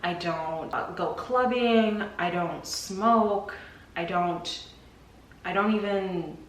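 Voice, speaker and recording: A vlogger in her mid twenties chats to camera slowly in a medium-pitched voice, candid, slangy and informal. She livens things up by acting out her own thoughts in little dramatized asides. The mic is distant, with roomy echo and faint background noise.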